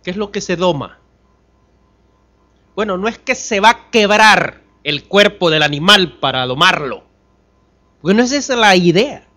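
A pastor preaching a sermon, asking the congregation rhetorical questions and swinging between loud emphasis and soft, low drops. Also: male voice, expressive, a little slow, long pauses. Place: church.

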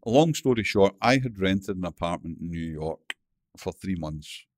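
An older Glaswegian man from Scotland, a guest in a casual interview chat, tells anecdotes in a deep, lively voice at normal speed, mumbling and swearing freely. The recording is dry and studio quality.

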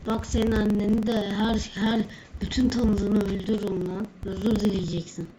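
A woman's voice: mid-range voice, level tone, normal speed, dark tone, a little hiss or hum, close to an everyday voice, low-quality recording. A woman voicing a rude school bully who curses and makes threats in a homemade skit. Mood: threatening. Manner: cursing, threatening, then backing down.

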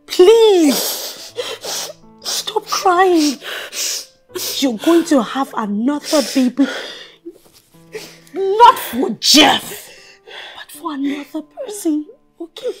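Gentle friend, soft coaxing voice, slow and a bit high, faint music behind. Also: female voice, big pitch swings, exaggerated voice, rough recording. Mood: soothing. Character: gentle devoted woman nursing her friend. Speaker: caring friend. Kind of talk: film drama acting.

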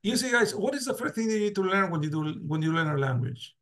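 Speaking fast with big pitch swings, a university lecturer addresses his class on video in a high, fairly bright voice. Restarts are common, and he repeatedly asks "got it?" or "do you agree?"

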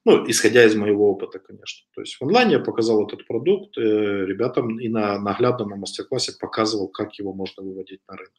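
A fairly low-pitched man talks fast and animatedly with hardly any pauses, though he still hesitates and restarts often in his casual, conversational style. He's a business instructor in his thirties lecturing over slides on a webcam, coughing slightly from a cold, in an echoey home room with wooden shelves.

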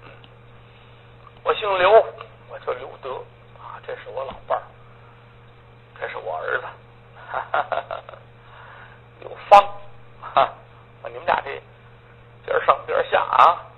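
A man voicing a warm-hearted, fatherly old man who talks gently and coaxingly. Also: medium pitch, lively intonation, slow pace, vocal fry, pauses often. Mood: kindly. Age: older. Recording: tinny phone-like audio, faint hiss.

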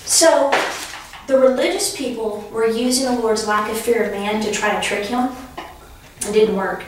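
A woman's voice: on the high side, normal speed, noisy background. A woman teaching a preaching class in a conversational, storytelling way, laughing now and then as she tells anecdotes. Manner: conversational, anecdotal, laughs while telling stories. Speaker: Bible teacher. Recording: echoey room, voice from far off.

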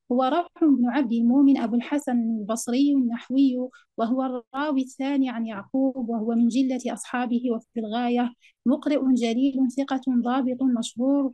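A woman presenting an academic conference paper, reading it out in a measured, formal way. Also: high-pitched, dark tone, no room sound.

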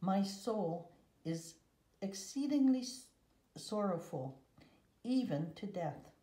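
In a roomy, echoing space, a storybook reader with a mellow, mid-range voice reads a children's religious picture book aloud. She is expressive but very slow and deliberate, leaving pauses between phrases.

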